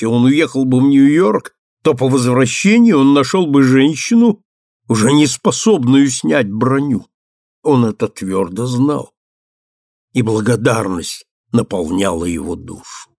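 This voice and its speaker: Guy reading an audiobook, even measured voice, dry close sound. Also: mid-range voice, no room sound. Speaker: audiobook reader. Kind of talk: scripted narration of a novel.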